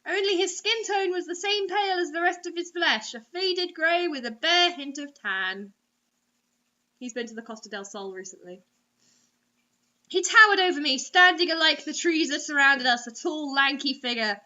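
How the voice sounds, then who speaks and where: A woman with a high-pitched, bright, forceful voice hosts a reading of bad online fiction, performing it dramatically at normal speed. She's expressive and theatrical, interrupting with sarcastic, mocking asides, and the lo-fi recording sounds dull.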